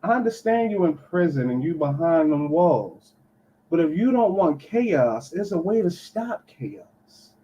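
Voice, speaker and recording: A man's voice: a little high, big pitch swings, measured pace, dark tone. A man, a pastor calling in on a muffled line that sounds like he is in a tunnel, giving emphatic, preachy commentary and dropping in "okay" to drive his points home. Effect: muffled call-in line, as if in a tunnel. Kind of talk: call-in commentary. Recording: muffled call audio with faint hiss.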